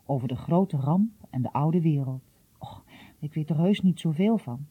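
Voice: medium pitch, lively intonation, normal speed, slightly rough, dry recording, narrow, tinny audio. A reader voicing Tors, a sly old gardener. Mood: confiding. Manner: confiding, mildly teasing. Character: shrewd old male gardener, sly and secretive. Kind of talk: audiobook reading.

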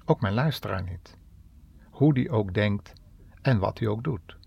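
A man's voice: lowish voice, animated, unhurried, vocal fry, husky, muffled recording. A man giving a devotional radio message in an earnest tone, speaking directly to the listener. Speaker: radio preacher.

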